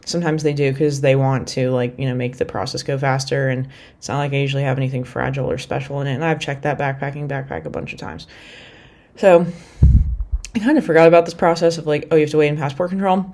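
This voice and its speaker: Her voice rumbles low and stays steady in tone, a little mellow, while she talks at a quick pace. She's a young woman from the United States rambling casually in a travel vlog, full of fillers like "like" and "you know."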